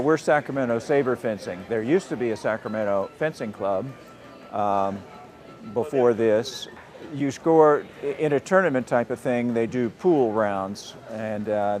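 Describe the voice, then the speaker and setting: A man's voice: lowish voice, darkish tone. A man from a fencing club, explaining tournament rules and safety gear step by step, recorded outdoors.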